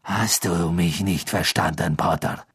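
Cold sneery wizard professor a man doing him, low husky voice, slow and mocking. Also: a bit bright, heavily acted. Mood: sneering.

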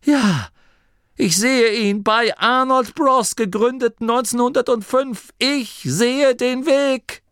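A man's voice: mid-range voice, normal speed, no echo, close to an everyday voice. A man voicing an earnest young male gnome leader, close to his own reading voice. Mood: awestruck. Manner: earnest, near the reader's own voice.

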